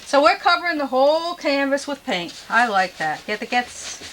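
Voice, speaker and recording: A woman giving an unscripted painting demonstration as a gentle instructor, with homely, folksy, chatty asides. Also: high-pitched, sing-song, normal speed, a little hiss or hum, low-quality recording. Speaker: painting instructor and show host.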